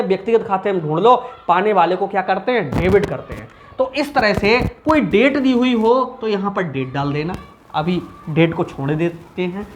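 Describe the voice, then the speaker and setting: A man's voice: high-pitched, a little hiss or hum. A male commerce teacher giving an accounting lesson at a board, chatty, asking questions and answering them himself. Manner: chatty, asks and answers his own questions.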